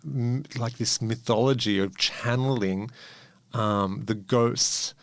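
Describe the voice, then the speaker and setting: A man co-hosting a podcast in casual chat, rambling and animated, swearing freely. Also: mid-range voice, slow pace, dry recording. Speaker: podcast co-host.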